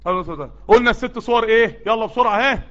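A man's voice: high-pitched, racing. A man preaching a sermon in an Egyptian Arabic accent, sweaty and worked up, urging his listeners on with repeated, building calls. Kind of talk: sermon to a live group. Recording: dull lo-fi recording.

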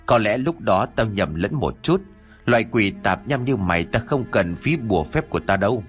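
A man's voice: on the low side, expressive, normal speed, faint music behind, lightly acted. A man voicing a wicked old male sorcerer who mocks and sneers at his enemies. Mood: sneering. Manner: mocking, sneering.

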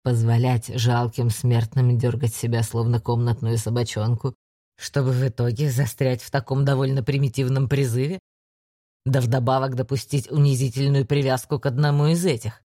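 A woman's voice: very deep voice, little pitch movement, normal speed, dark tone, no echo, studio quality, voice pushed down. A woman voicing a contemptuous male demonic guardian who hisses and mocks in an audiobook. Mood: mocking. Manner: hissing, contemptuous, mocking. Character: sneering male demonic guardian, arrogant, menacing.

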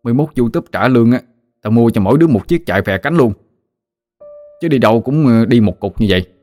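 A man's voice: mid-range voice, expressive, brisk, darkish tone, no echo, studio quality, soft background music, natural voice. A man playing a brash, boastful young village man with a Southern Vietnamese accent.

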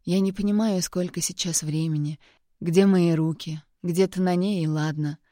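A woman narrating a first-person romance audiobook in a steady, measured way. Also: lowish voice, dry recording, studio quality. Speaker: audiobook reader.

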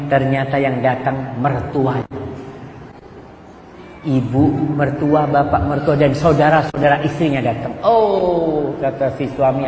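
A man preaching a sermon, telling a story and acting out its dialogue, dropping between loud and soft passages, mixed in. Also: mid-range voice, slight background noise. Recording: roomy hall with long reverb, faint ambience.

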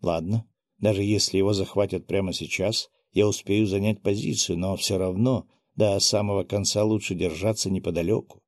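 A man voicing a gruff male guardian spirit in an audiobook, curt and grumbling. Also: low-pitched, steady tone, moderate pace, no room sound, clean studio sound.

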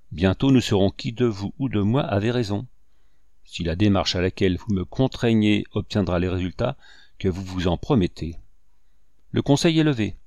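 A man voicing a proud, bitter rebel commander who speaks in solemn, measured oratory. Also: lowish voice, gravelly, a little mellow, dry recording, studio quality. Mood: bitter, curt.

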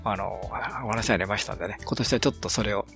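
A man hosting a radio talk show in a relaxed, chatty way full of fillers. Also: lowish voice, quick pace, gravelly, soft background music.

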